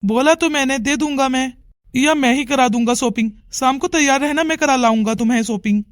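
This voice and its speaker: A woman's voice: high voice, a little fast, dry recording, close to an everyday voice. A woman voicing a stern, demanding young husband in a cartoon who scolds insistently. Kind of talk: cartoon voice acting.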